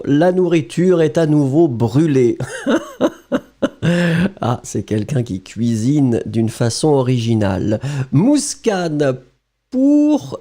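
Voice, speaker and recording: Native french guy teaching, reads comments out slow, mellow voice that jumps around a lot, laughs a bunch. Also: on the high side. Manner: chuckling, relaxed, mixes English explanations with French. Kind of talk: live lesson reading out viewer comments.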